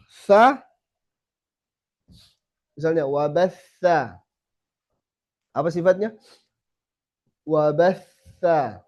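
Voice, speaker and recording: A man teaching a small group how to recite, saying letter sounds slowly again and again and then correcting them. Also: a little high, darkish tone. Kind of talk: tajweed lesson to a small group. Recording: slightly dull lo-fi recording.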